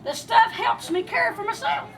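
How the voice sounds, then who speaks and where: A woman's voice: very high-pitched, normal speed. A woman playing a laid-back, scatterbrained surfer dude who drawls slang like "man" and "crazy" in a live church skit. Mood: goofy. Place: large hall with an audience. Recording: distant live recording with crowd and noise.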